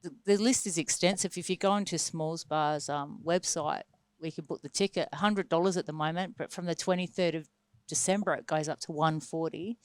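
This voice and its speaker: With a low voice and a brisk pace, an Australian singer and actress chats away as a guest in a radio studio. The casual interview talk is enthusiastic and packed with fillers, and there is no room sound.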